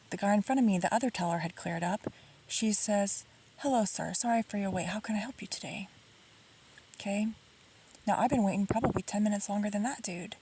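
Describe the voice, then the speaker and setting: A woman's voice: on the low side, warm tone, distant mic, slight background noise. A woman telling an aggrieved, rambling complaint story to camera, full of fillers and sometimes dropping to a near-whisper. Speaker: vlogger.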